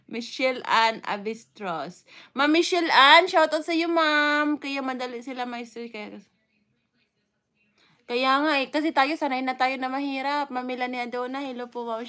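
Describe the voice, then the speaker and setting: A chatty Filipino woman hosts a casual live stream, calling out viewers by name between stretches of easygoing talk. Her voice sits high and sounds bright and crisp, and her speech is loose and full of fillers. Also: measured pace, long pauses. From Philippines. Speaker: vlogger greeting live chat viewers.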